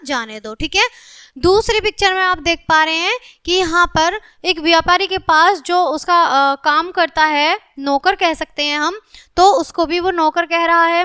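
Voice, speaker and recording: Woman teaching kids grammar, high bright voice, dry close sound, keeps checking in with the class. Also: no echo. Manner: repeats "ठीक है" as a check-in, reads example sentences aloud. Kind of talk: classroom grammar lesson for children.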